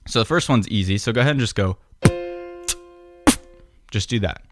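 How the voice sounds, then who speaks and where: This piano and beatbox teacher speaks at normal speed in a voice on the low side. Relaxed and patient, he walks through a piano lesson one step at a time, often opening with "so," as a piano plays behind him.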